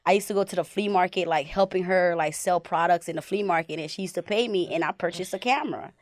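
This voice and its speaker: A young woman with a low voice speaks as a podcast guest, recalling her path into directing films. She talks in an unhurried, reflective way, leaning on "like" and "you know." Her voice is recorded dry and close on a studio mic. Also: no echo. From Haiti. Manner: reflective storytelling, many "like" and "you know" fillers. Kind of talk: casual podcast interview.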